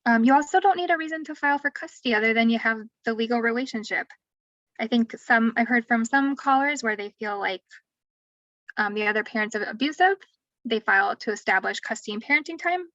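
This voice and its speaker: A woman with a fairly high voice talks through family court steps in a relaxed, conversational way, thinking aloud as she goes. She sounds set back from a dull, lo-fi microphone. There is little room echo, as on a video call. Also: a little fast. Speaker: family law advocate. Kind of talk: webinar explanation. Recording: distant dull lo-fi mic, dry.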